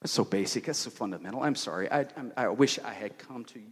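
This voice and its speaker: A man preaching a sermon to a congregation, repeating key words, asking rhetorical questions and dropping from loud to hushed. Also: mid-range voice, fast, slightly rough. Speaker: pastor. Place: church hall with an audience. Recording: long hall reverb.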